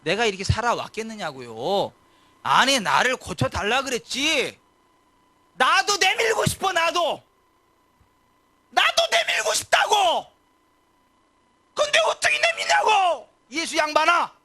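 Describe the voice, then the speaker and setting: A man putting on the voice of a crippled man who is frustrated and shouting his complaint. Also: a little high, big pitch swings, moderate pace, no echo. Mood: exasperated. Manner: exasperated, shouting.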